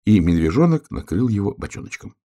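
A man reads a children's tale aloud in a low, gravelly voice with a husky rasp. His narration rises and falls with lively expression. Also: fairly quick. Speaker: storyteller. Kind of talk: storybook reading.

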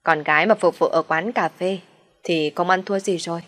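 A woman's voice: fairly low pitch, fairly even intonation, moderate pace, fairly bright tone, close to an everyday voice. A woman voicing a spiteful, sneering young sister-in-law. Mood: scornful.

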